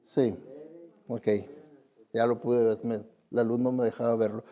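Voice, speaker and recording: The recording sounds dull as a man with a dark, mid-range voice preaches live to a church congregation. His delivery is flat and unhurried, yet he admonishes his flock conversationally, often asking them rhetorical questions and seeking their agreement with tags.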